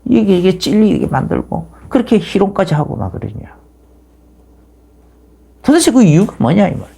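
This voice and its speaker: A woman's voice: medium pitch, big pitch swings, normal speed, creaky, mellow, slightly rough. A woman pastor preaching a sermon, telling the story emphatically and asking rhetorical questions.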